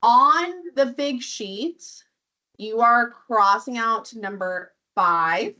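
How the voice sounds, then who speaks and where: Woman teaching math in a classroom, sharp clear tone, voice going from illness, asks the class questions. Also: fairly high pitch, very slow, dull audio. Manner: walks through steps, quizzing the class. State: losing her voice from illness. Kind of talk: classroom lesson.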